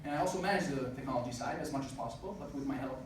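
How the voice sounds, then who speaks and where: Talking very fast at medium pitch, a twenty-something man gives an earnest talk to inspire his audience at a student business event, with many "uh" fillers. The hall recording is distant, echoey, and noisy.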